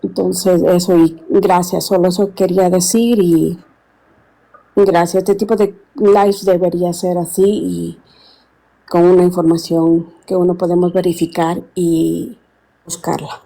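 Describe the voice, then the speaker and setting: A woman, calling in to a live stream and speaking earnestly, often pausing to search for words. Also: lowish voice, level tone, creaky, mellow, low-quality recording. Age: 60s. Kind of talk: casual call-in chat.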